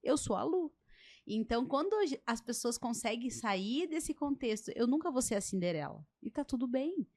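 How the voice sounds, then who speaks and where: Brief: Brazilian woman host, slightly high voice, chatty and warm-humored storyteller. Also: very animated, moderate pace. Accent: Brazilian Portuguese. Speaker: podcast host. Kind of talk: casual podcast chat. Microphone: podcast mic.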